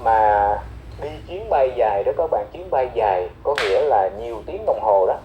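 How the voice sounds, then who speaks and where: A man teaching English airport phrases, explaining each one and repeating key words slowly. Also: medium pitch, expressive, roomy sound, lo-fi sound, a little hiss or hum.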